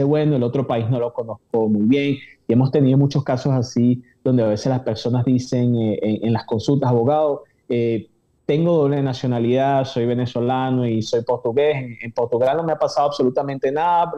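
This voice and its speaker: A man, an immigration lawyer, explaining legal steps in a measured way with frequent hesitation fillers. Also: mid-range voice, warm tone. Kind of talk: explanatory interview answers. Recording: dull lo-fi audio.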